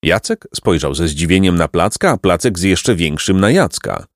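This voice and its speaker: Male storybook narrator, low voice with a lively, swinging melody, very dry close sound. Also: moderate pace, dry recording. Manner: expressive, lilting reading.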